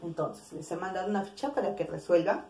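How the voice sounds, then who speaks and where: A woman teacher giving a recorded language lesson, explaining step by step, listing examples and often checking with a quick question. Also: on the low side, expressive, dark tone, echoey room.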